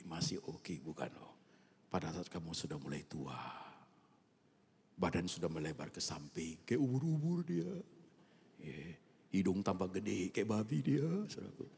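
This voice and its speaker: A male pastor preaching a sermon at an evening church prayer service. He talks colloquially, turns often to the congregation, and swings between loud outbursts and hushed near-whispers. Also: low-pitched, a little hiss or hum. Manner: colloquial, with frequent asides to the congregation.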